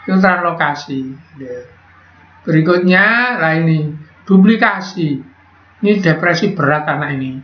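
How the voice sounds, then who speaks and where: A man lectures a biology class, with a fairly high voice. He keeps it chatty, firing questions at the students and tossing in jokes. The sound is echoey and dull, as though recorded on a cheap device in a classroom. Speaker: biology teacher.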